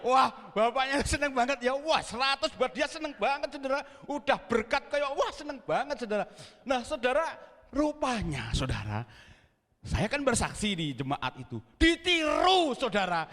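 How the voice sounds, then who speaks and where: A man's voice: very high voice, expressive, moderate pace, fairly bright tone. A man with a Javanese accent preaching a sermon as pastor, telling a story and acting out scenes with sound words. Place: church hall. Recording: long reverb of a church hall.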